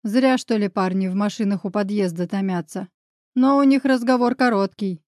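A woman's voice: mid-range voice, moderate pace, darkish tone, no echo, close to an everyday voice. A woman reading the part of a sarcastic young man in an audiobook, voice close and dry. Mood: mocking. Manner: sarcastic, mocking. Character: mocking cocky young man, sidekick.

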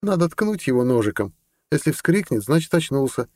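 A man's voice: medium pitch, sing-song, normal speed, a little mellow, dry recording, studio quality, pitched above the performer's own voice. A man voicing a bold, cheeky seventeen-year-old girl in an audiobook, pert and defiant. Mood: callous.

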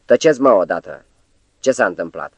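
A man voicing a coarse, shouting man woken roughly on a night train. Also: deep voice, lively intonation, no echo, exaggerated voice. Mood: angry shouting.

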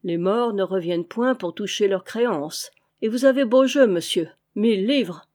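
Woman doing a sarcastic cocky old showman servant, kinda loud. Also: medium pitch, normal speed, natural voice. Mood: mocking. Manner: mocking, sardonic. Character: cynical bold male former showman servant.

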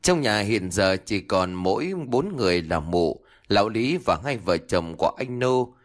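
A man narrating a ghost story in a dramatic, expressive way. His voice sits low and rises and falls freely. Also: unhurried.

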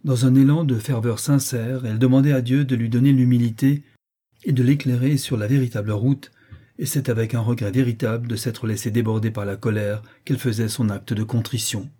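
Brief: male audiobook narrator, mellow and breathy, measured delivery. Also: medium pitch, fairly even intonation. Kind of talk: audiobook reading of a novel.

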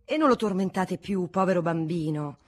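A woman reading an audiobook voices a scornful old noblewoman, a spinster aunt who mocks learning, with a husky voice. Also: mid-range voice, sing-song, a little slow. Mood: mocking. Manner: mocking, dismissive.

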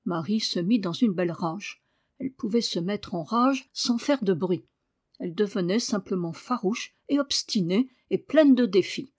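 A woman's voice: mid-range voice, expressive, moderate pace, darkish tone, husky. Woman narrating a storybook. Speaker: audiobook reader. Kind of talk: scripted narration.

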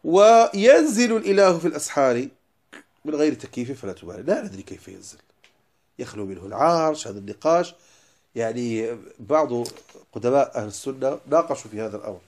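Fast, emphatic male religious teacher. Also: mid-range voice, animated. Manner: emphatic, stresses single words then drops to quiet asides. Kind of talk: lecture explaining a didactic poem.

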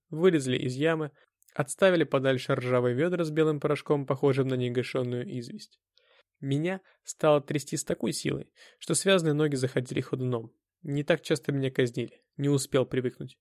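A man narrating a first-person audiobook in a measured, even storytelling manner. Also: medium pitch, no room sound, clean studio sound.

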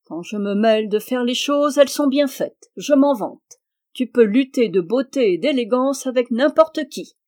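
A woman's voice: fairly high pitch, lively intonation, normal speed, darkish tone, dry recording, studio quality, voice pushed up, natural voice. A woman voicing a proud old fairy magician who boasts of her own work. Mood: boastful.

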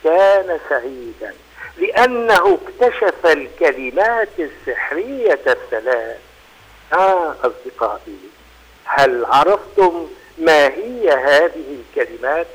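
A man on children's radio, narrating a story in an expressive, animated way. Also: on the high side, unhurried, husky, low-quality recording.

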